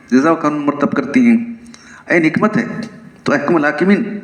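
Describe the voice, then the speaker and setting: Man teaching a religious lesson in an echoey room. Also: a little high. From South Asia. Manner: explanatory, rhetorical questions, occasional amused laughs. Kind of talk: religious lecture.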